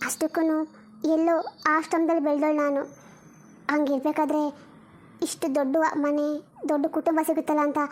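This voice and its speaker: An actress playing a heartbroken young wife who pleads tearfully and blames herself. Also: female voice, sits high, darkish tone, close to an everyday voice. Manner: tearful, self-reproaching pleading. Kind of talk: film melodrama acting.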